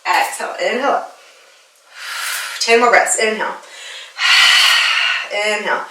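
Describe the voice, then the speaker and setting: Slightly winded from exercising alongside her students, a yoga instructor and personal trainer speaks in an unhurried, medium-pitched voice, upbeat and playful with frequent laughter. The background is noisy, the room echoes, and she is a bit far from the mic.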